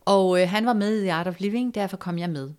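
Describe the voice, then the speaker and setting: A woman calmly telling a personal story in a casual conversation, reflective and hesitant, with fillers and soft, hushed stretches. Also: mid-range voice, clean tone. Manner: reflective, hesitant with fillers, drops to soft near-whisper at moments.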